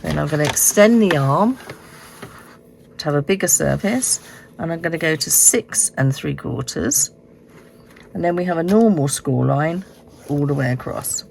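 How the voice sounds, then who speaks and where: Croaky, low-voiced woman demonstrating crafts. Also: expressive, darkish tone, a little hiss or hum, poor audio. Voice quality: hoarse, croaky like a frog. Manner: unhurried, explaining step by step. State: croaky voice, recovering from illness. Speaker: host of a card-making tutorial. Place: indoors at a craft desk.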